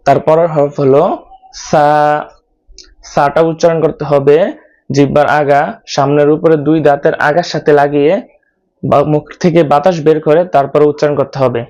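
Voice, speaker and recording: A man from Bangladesh teaches an online Quran lesson, slowly explaining how each Arabic letter is pronounced and repeating every sound many times. His voice is a little high and darkish, with a flat delivery, and the audio sounds dull.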